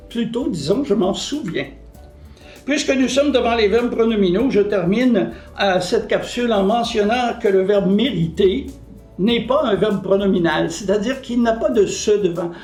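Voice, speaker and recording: A man presents a short language lesson, his voice pitched high for a man. He works through example sentences in a patient, didactic way and answers his own questions. The room is echoey, with faint music underneath. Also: lively intonation, moderate pace, darkish tone. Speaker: French language columnist.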